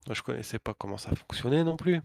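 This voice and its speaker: Podcast co-host, male, mid-pitched, swears freely, animated storyteller, dry close sound. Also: fast talker, creaky, no room sound. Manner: animated, crude slang and swearing; frequent filler hesitations. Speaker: podcast co-host and competitive player. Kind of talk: casual storytelling chat.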